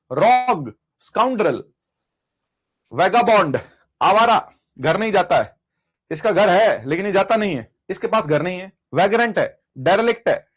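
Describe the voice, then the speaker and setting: A man's voice: high voice, slightly rough. A man teaching an exam vocabulary lesson, drilling word lists by repetition and asking and answering his own questions. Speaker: English teacher.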